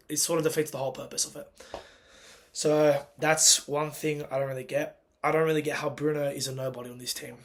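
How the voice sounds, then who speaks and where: A football fan who has lost his voice gives a casual, agitated rant reacting after a match. He speaks hoarsely and emphatically, his pitch and volume climbing whenever he gets angry.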